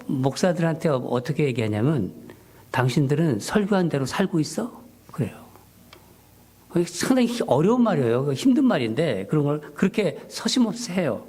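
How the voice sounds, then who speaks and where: A pastor with a slightly high, husky voice delivers a sermon in a church sanctuary, sharing a story from his church life. The telling is animated, and he lifts his voice when quoting his own prayers.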